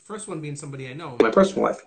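A man's voice: fairly high pitch, animated, very fast, vocal fry. A man in his forties hosting a casual live chat from home on his phone, easygoing and full of questions. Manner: chatty, easygoing, asks lots of questions. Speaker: host of an online live chat. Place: home room, indoors. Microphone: phone at arm's length.

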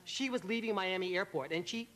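A man's voice: high voice, fairly quick, a bit bright. A middle-aged man giving sassy, campy celebrity gossip as a talk-show guest.

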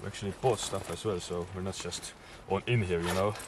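A man's voice: deep voice, fairly even intonation, a little fast. A young man chatting casually to the camera as a vlogger. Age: young adult, about late teens. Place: small wooden shed attic at night. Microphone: camera a short distance away. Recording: noisy, distant camera microphone.

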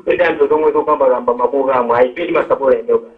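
A man's voice: mid-range voice, very fast. A man calling in to a show and chatting casually over the phone. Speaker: phone-in caller. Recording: tinny narrow phone line.

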